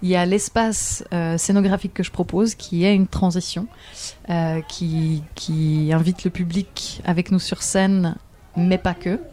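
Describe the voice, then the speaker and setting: A woman talks as a guest in a casual radio interview. Her voice sits fairly low and sounds dark and mellow. She hesitates a lot, filling pauses with small sounds and chuckling now and then. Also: fairly even intonation. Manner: hesitant, many fillers, laughs often. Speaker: theatre director, guest.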